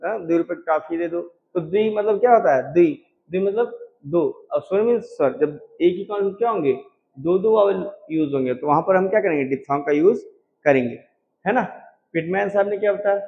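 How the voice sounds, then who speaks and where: A man's voice: a little high, gravelly, highs cut off. A man from India teaching a shorthand class. He keeps asking a question and answering it himself, and he stretches out sounds to demonstrate them. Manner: drawn-out repeated sounds for demonstration. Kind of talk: classroom lecture.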